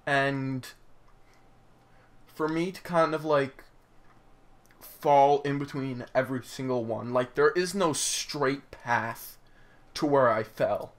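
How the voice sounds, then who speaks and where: A man's voice: mid-range voice, slow, pauses often. A young man speaking earnestly with many fillers, hosting a casual chat. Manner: earnest, hesitant, lots of fillers. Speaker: host.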